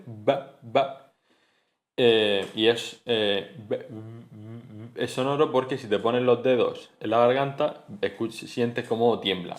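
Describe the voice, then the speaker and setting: Male teacher, mid-pitched voice, patient spoken phonetics lesson with sounds repeated aloud.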